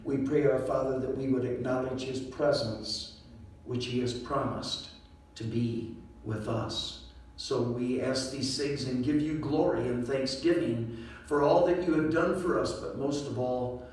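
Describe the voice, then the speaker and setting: A man leading a church congregation in prayer, in a measured, solemn way. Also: mid-range voice, darkish tone. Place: church sanctuary. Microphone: podium microphone, filmed from far back. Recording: echoey church room from far off.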